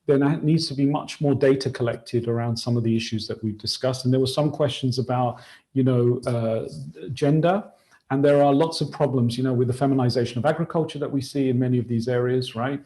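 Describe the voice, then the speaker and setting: A man's voice: mid-range voice, fairly even intonation, brisk, dark tone, poor audio. A man from Sri Lanka speaking as a panelist in a discussion, often restarting phrases and tagging his points with questions. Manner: frequent tag questions and restarts.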